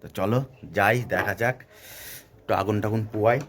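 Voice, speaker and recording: Vlogger, male, hoarse from a cold; chatty, talks straight to the viewers. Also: fairly low pitch, fairly even intonation, fairly quick, background noise. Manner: chatty, addresses viewers directly as friends. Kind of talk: casual vlog chat. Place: outdoors by a bonfire on a cold day.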